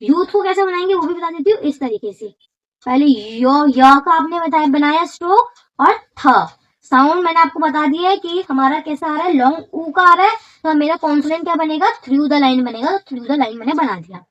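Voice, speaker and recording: A woman's voice: high-pitched, moderate pace, muffled recording. A woman teacher explaining a shorthand lesson step by step, often checking whether her students follow.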